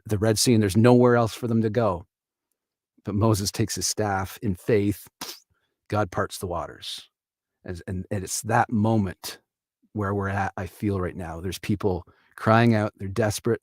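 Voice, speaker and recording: A man's voice: fairly low pitch, darkish tone, dry recording, clean studio sound. A man from Canada hosting a live stream, talking casually in an earnest, reflective way. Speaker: livestream host.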